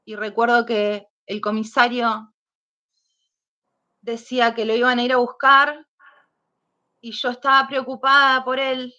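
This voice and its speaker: A woman with an Argentine accent, giving personal testimony as an interview guest, speaking slowly and hesitantly as she recalls painful events. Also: fairly high pitch, flat delivery, bright, forceful tone. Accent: Argentine Spanish. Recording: dull lo-fi sound.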